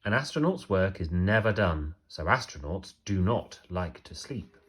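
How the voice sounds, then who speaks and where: A man reading a children's story aloud like a teacher, expressively, with emphatic phrasing and pauses for effect. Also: low-pitched, lively intonation, a bit bright, a little hiss or hum.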